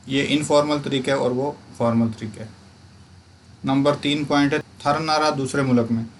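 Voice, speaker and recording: A man teaching a casual language lesson, explaining slowly and repeating each word aloud. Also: medium pitch, a little hiss or hum.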